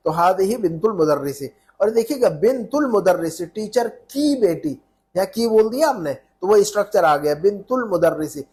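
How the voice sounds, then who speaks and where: Man, high voice, Arabic teacher, explains in Urdu, repeats and checks understanding. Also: lively intonation, moderate pace, a little mellow. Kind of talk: online Arabic lesson in Urdu.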